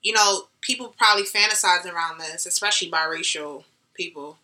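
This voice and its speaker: A young woman co-hosting a casual chat show, animated and slangy, laughing often. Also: fairly low pitch, brisk, poor audio. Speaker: podcast co-host.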